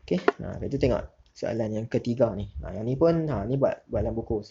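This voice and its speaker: Man teaching slowly, dull lo-fi sound. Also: fairly low pitch, vocal fry, background noise. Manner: slow, deliberate reading of questions, relaxed asides to pupils. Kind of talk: recorded class lesson. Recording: dull lo-fi recording.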